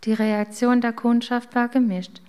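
A woman reading a children's story aloud in a calm, gentle way. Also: fairly high pitch, a little slow, clean tone.

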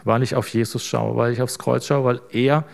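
A man delivers a sermon in a relaxed, chatty manner, often pausing to check in with his listeners. His voice sits at an ordinary middle pitch, and he speaks like a pastor talking plainly to his congregation. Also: vocal fry. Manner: casual, tags sentences with "ne?". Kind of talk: informal sermon.

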